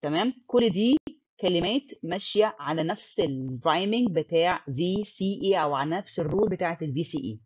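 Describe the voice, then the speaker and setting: A woman's voice: on the low side, animated, a little fast, darkish tone, breathy edge, dry recording, highs cut off. A woman teaching phonics, mixing English terms into her explanations and checking in with the learner often.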